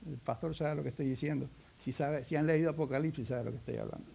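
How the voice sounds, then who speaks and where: A Cuban man delivers a sermon in a folksy storytelling style, slipping in humorous asides. His voice sits on the higher side for a man. He keeps a conversational, anecdotal manner throughout. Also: fairly even intonation, fast, gravelly, dark tone, husky. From Cuba. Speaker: preacher.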